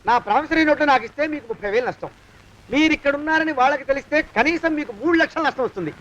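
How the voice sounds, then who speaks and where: A man's voice: extremely high pitch, lively intonation, racing, fairly bright tone, lo-fi sound. An actor playing a sly servant who theatrically describes punishments and wheedles his master. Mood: wheedling. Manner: wheedling, theatrical, mock-dramatic.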